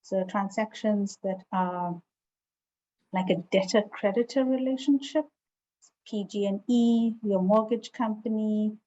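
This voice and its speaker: Over a dull, lo-fi video call with a virtual background, a South African woman who works as an estate planning attorney gives a relaxed, explanatory seminar talk. Her voice is medium-pitched and mellow, and she speaks at a measured, conversational pace.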